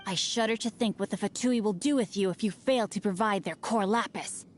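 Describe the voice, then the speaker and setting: An actor playing a witty, refined young noble heir in a game, formal and wry. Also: male voice, high voice, fairly quick, faint music behind, natural voice. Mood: composed.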